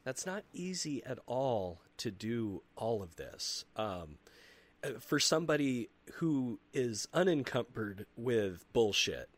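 Male interviewer, easygoing and chuckly, a bit rough-voiced, stumbles through restarts. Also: mid-range voice, very animated. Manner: laid-back, chuckling, halting restarts. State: slightly rough morning-after voice. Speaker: interview host. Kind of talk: casual interview chat.

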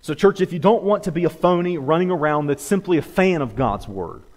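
A man's voice: fairly high pitch, animated, fairly quick, darkish tone. A man from preaching a sermon to his church, earnest and pleading, often restarting his phrases. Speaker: pastor. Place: church sanctuary. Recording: long hall reverb.

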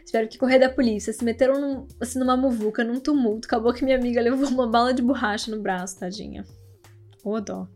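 A young woman with a Brazilian Portuguese accent hosts a podcast, spinning astrology-themed stories in a casual way full of laughter and slangy asides. Her voice is fairly high and darkish in tone, steady, and quick-paced.

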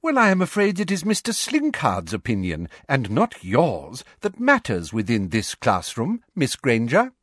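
A man voicing a prim, condescending woman teacher who speaks smoothly and sleekly. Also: medium pitch, wildly swooping pitch, unhurried, hardly any pauses, fairly bright tone, no echo, clean studio sound, voice pushed up, full character voice.

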